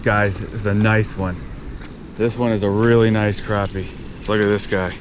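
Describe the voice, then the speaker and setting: A man giving excited, chatty commentary while fishing from a riverbank, talking straight to his viewers. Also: fairly low pitch. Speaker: fishing video host. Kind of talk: casual on-the-spot fishing commentary. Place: outdoors on a riverbank and fallen tree. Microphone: head or chest-mounted action camera. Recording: outdoor camera mic with river and wind noise.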